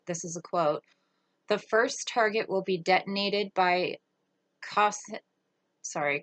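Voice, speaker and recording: A woman's voice: mid-range voice, a bit bright. A woman hosting a casual political commentary show, reading quotes aloud with frequent fillers and getting indignant.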